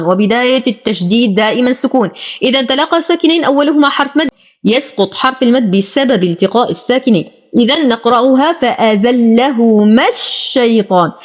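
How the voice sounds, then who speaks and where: A woman teaching Quran recitation, chanting words slowly and drawn out, then explaining the pronunciation rules briskly. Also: a little high. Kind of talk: tajweed lesson, recitation with rule explanations.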